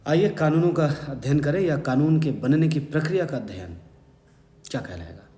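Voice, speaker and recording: A man with an Indian accent teaching an exam-prep vocabulary lesson, slowly spelling out words and repeating them. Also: a little high, animated, mellow. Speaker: English teacher. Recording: echoey room with faint hum.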